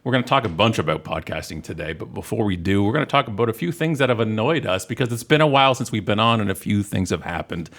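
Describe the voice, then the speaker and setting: Animated, gravelly man in his fifties. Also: lowish voice, fast, few pauses. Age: 50s. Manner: animated, joking storyteller. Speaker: podcast co-host. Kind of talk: casual chat.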